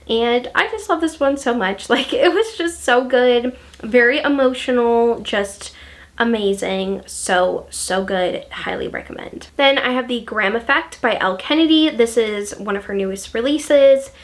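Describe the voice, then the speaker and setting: A young woman casually recommending books on her channel, gushing and full of fillers. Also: a little high. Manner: gushing, filler-heavy chatter. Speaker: booktuber.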